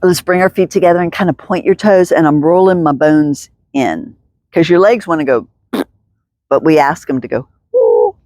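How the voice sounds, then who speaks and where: A woman's voice: deep voice, normal speed, darkish tone, no room sound, clean studio sound. A woman guiding a stretching session outdoors, chatty and upbeat, talking her way through each move. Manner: chatty, upbeat, thinks aloud, laughs often. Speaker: stretching instructor. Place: outdoors in the sun.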